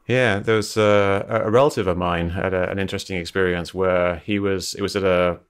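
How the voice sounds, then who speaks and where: A man's voice: low voice, steady tone, fairly quick, clear, resonant tone. A man hosting a casual interview, asking questions hesitantly and repeating words as he thinks. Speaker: podcast host.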